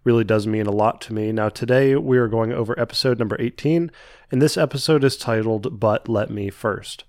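This is a young man's solo faith podcast: his voice is stuffed up from a cold, sits in a normal middle pitch, and has a darkish tone at a fairly quick pace. Sincere in manner, he frequently stumbles, repeats a word, and starts again. He's recorded dry and up close, no echo or room sound.

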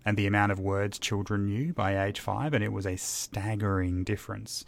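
A man co-hosts a podcast in a casual, emphatic way. His voice is gravelly with a lowish pitch, and he speaks with passionate conviction. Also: level tone, normal speed. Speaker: podcast co-host.

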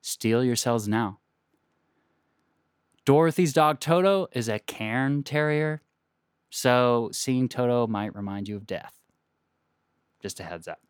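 A young man hosts a comedic movie review in an earnest, gushing way, often circling back and restarting sentences. His voice sits at an ordinary middle pitch. The sound is dry and close, with no room around it. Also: lively intonation, slow pace, long pauses, clean tone, no room sound. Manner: earnest, enthusiastic, rambling with restarts. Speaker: host.

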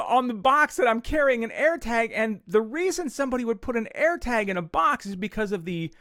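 Podcast host, male, higher voice, very lively exasperated delivery, dry close sound. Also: no room sound. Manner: exasperated ranting storyteller, acts out quotes. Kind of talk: casual chat.

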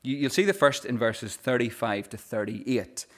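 A pastor preaches a sermon in an earnest, expressive, mid-range voice. He often repeats words as he starts a phrase and slows down when reading scripture aloud.

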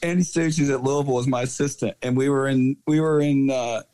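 A man's voice: medium pitch, steady tone, brisk, darkish tone. A man, a soccer coach, guesting on a casual podcast interview and telling rambling anecdotes full of fillers and self-corrections.

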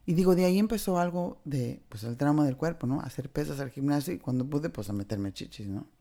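Mexican woman, storyteller; candid, slangy, warm dark tone, voices the dialogue. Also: low-pitched, lively intonation, a little fast. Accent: Mexican Spanish. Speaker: storyteller sharing a personal recovery story. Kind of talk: casual spoken storytelling.

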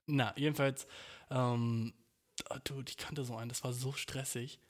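A man's voice: mid-range voice, steady tone, a little slow. A young man hosting his own podcast, venting in a rambling, slangy, swear-heavy way about his audio troubles. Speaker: podcast host. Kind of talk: casual solo podcast rant. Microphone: home podcast mic.

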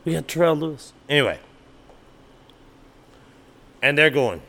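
A man's voice: fairly high pitch, expressive, unhurried, bright, forceful tone. A man hosting a solo sports podcast, talking casually and animatedly, sometimes arguing back at imagined listeners. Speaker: podcast host.

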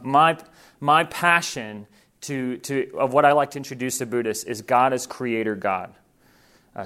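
A man's voice: medium pitch, a bit bright. Earnest man teaching missionaries. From Thailand. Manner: earnest, informal, self-correcting. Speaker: missionary trainer. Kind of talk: conversational training talk.

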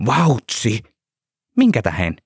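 A man voicing a cheerful, chatty Finnish man with an eastern Finnish dialect, in a raised, excited voice. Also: mid-range voice, husky, no echo, clean studio sound, pitched above the performer's own voice.

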